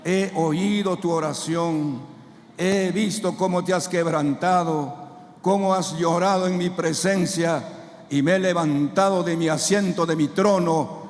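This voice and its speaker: A man's voice: high-pitched, fairly even intonation, unhurried. A man who is a pastor, preaching a fervent sermon and calling on the congregation to answer back. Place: church sanctuary. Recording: long reverb of a church hall.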